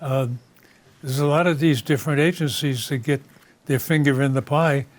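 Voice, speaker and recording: A man's voice: a little high, fairly even intonation, moderate pace. Man hosting an unscripted interview show. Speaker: talk show host. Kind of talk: unscripted local interview talk.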